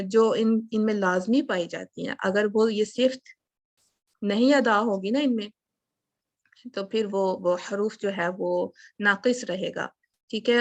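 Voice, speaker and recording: A woman teaching a recitation lesson, patient and methodical, pausing to demonstrate each sound. Her voice sits at an ordinary middle pitch. It is recorded close and dry, with no room sound. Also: dry recording. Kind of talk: tajweed lesson.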